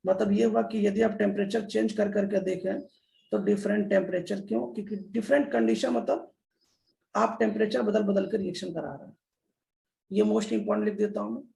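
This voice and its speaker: A man's voice: high-pitched, normal speed, creaky, warm tone. A man teaching a chemistry lesson in a classroom style, repeating key terms and often addressing the children. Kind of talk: classroom lecture. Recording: echoey room.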